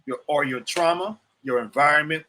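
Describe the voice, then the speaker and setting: A man's voice: a little high, moderate pace, sharp tone. A man in his fifties hosting a livestreamed motivational talk, preaching to viewers, repeating phrases and asking them questions directly. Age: 50s. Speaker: host.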